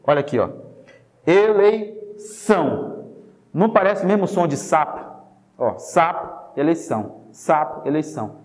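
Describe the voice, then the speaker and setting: A man with a Brazilian Portuguese accent teaching a spelling lesson, lively and jokey, checking in with the class through quick tag questions. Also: fairly high pitch, long reverb tail.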